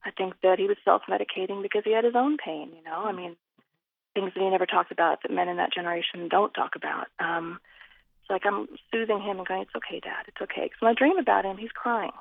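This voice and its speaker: A woman's voice: medium pitch, steady tone, fast talker, vocal fry, no room sound. A woman in her forties, speaking candidly and self-deprecatingly in a phone interview. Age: 40s. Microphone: telephone. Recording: tinny phone line.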